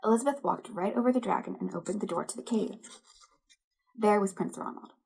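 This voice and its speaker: A woman leads a church service by reading a children's storybook aloud with lively, animated delivery. Her voice is gravelly and husky, at a middling pitch. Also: a little fast, rough recording. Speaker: director of religious education.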